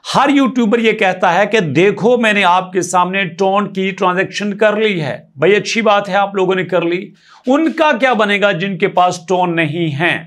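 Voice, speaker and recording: A man's voice: high-pitched, normal speed, a bit bright. A man talks viewers through a screen tutorial in a voice-over. He tallies numbers step by step, repeats his points and keeps urging them to listen closely. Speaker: crypto tutorial YouTuber.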